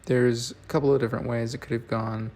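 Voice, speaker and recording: A man records himself on a phone from inside a moving car, rambling and thinking aloud with lots of ums and restarts. His voice sits at an ordinary pitch and comes across a bit distant from the mic. Heavy road and engine noise runs underneath everything. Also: level tone. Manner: rambling, reflective, halting with many fillers. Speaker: storm chaser. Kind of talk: solo vlog while driving. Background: loud car and road noise.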